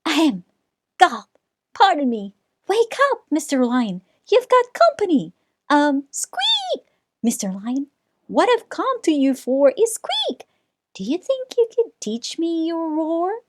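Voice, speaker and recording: Storybook mouse, small and timid, squeaky and high, put on by a woman reader. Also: huge pitch swings, slow pace, heavily acted. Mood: nervous. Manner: squeaky and wide-eyed, with little gasps. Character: small timid male mouse, eager and hopeful.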